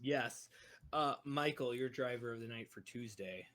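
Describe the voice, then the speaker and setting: A man's voice: mid-range voice, moderate pace, a bit bright. A man co-hosting a racing podcast in casual chat, loose and jokey, laughing often and acting out other people's lines. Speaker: podcast co-host.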